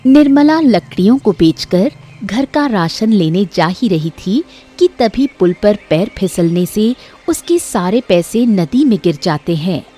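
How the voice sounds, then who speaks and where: A woman narrates a children's moral story in a mellow, warm tone at a middle pitch. She keeps her reading steady and even. Faint background music runs underneath. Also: measured pace, hardly any pauses, slightly rough.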